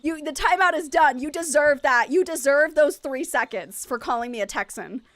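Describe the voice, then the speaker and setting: A woman's voice: high-pitched, moderate pace, fairly bright tone, dry recording. A woman from Maine streaming a game, chatting in a rambling way with her viewers and laughing often. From Maine, USA. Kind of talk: casual chat while streaming a game.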